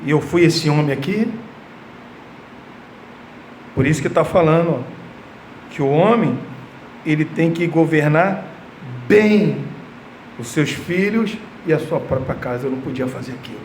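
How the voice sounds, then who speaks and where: Emphatic high-voiced Rio pastor preaching. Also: male voice, lively intonation, a little slow, pauses often, darkish tone. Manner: emphatic, repeats himself, tells personal stories. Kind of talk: expository sermon. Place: church hall. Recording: echoey church room, faint background noise.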